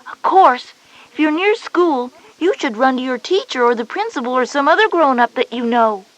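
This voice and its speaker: In a rough recording, a woman with a high, expressive voice speaks at a moderate pace. She plays a knowing, patient schoolgirl big sister who explains things on a scripted children's educational cassette. Her tone is patient and instructive throughout.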